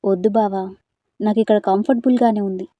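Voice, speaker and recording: A woman's voice: mid-range voice, steady tone, fairly quick, dry recording, highs cut off, natural voice. A woman voicing a frightened young woman who pleads to be left alone, in an audio story. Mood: timid. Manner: pleading, timid.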